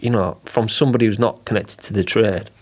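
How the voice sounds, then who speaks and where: Excitable Yorkshire man, lower voice. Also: fairly quick. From England. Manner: excitable, bursts of emphasis, chatty and informal. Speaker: marketing director, podcast guest. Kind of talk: enthusiastic interview chat.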